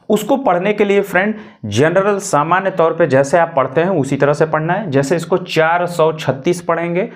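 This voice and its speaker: A man teaching decimals as a maths teacher, patient and repetitive, often checking in with the class. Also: a little high. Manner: patient, repeats points, frequent "ठीक" check-ins. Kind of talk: classroom lesson explaining decimals.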